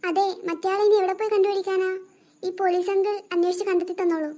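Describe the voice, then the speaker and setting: A woman's voice: extremely high pitch, steady tone, fast talker, mellow. A woman voicing a curious younger girl, a little sister, in a cartoon, eager and inquisitive. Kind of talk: cartoon voice acting.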